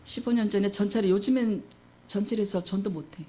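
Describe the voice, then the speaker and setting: A woman's voice: medium pitch, fairly quick, a little mellow. A middle-aged woman pastor preaching a sermon with emphasis, asking the congregation questions and acting out quoted voices.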